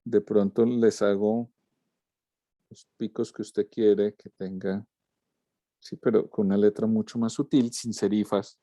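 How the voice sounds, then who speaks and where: A man's voice: lowish voice, level tone, measured pace, dark tone, no echo, clean studio sound. A man, a lettering teacher giving a student feedback over a video call, walking through corrections step by step. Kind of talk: class critique of student work.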